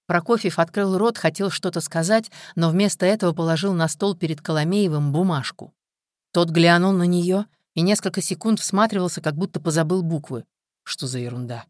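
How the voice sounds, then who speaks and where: An audiobook narrator reading a crime story in a measured, dramatic way. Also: medium pitch, dry recording, clean studio sound. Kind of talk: scripted narration.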